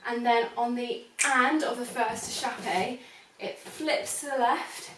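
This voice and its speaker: A woman's voice: fairly high pitch, a little slow. A young adult woman teaching an online ballet class, counting out beats as she demonstrates steps and adding apologetic asides. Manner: apologetic asides while dancing. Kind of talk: online dance class instruction. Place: room with a hard floor. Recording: echoey room, voice from far off, noisy.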